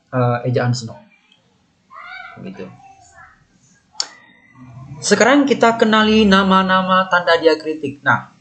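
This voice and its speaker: A man teaching a recorded lesson, patiently explaining and repeating each term slowly while pointing at marks on a slide. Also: a little high, fairly bright tone. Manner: patient, explanatory, with many fillers.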